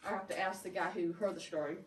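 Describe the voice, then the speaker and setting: A woman's voice: fairly low pitch, fairly even intonation, fast talker. A woman giving an informal, chatty guided tour in a cave, telling things in a folksy way. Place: inside a cave. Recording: echoing cave, distant mic, background noise.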